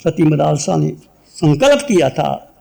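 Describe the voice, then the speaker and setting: A man giving a religious sermon and a guided meditation, speaking in a measured way and repeating short phrases. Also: a little high, very animated, gravelly, a little mellow. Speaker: Jain monk giving a discourse.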